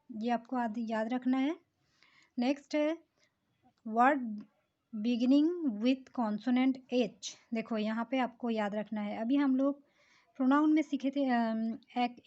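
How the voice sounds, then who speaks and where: A woman with a mellow voice on the high side gives a classroom-style English grammar lesson, explaining slowly and patiently. She mixes Hindi with English terms and often pauses on fillers and "okay." The recording is dull and lo-fi.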